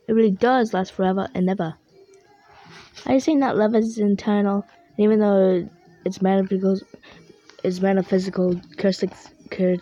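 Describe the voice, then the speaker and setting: A woman's voice: mid-range voice, mellow, close to an everyday voice. A woman voicing an earnest, sentimental character in a children's storybook. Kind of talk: children's storybook read-aloud. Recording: dull lo-fi recording.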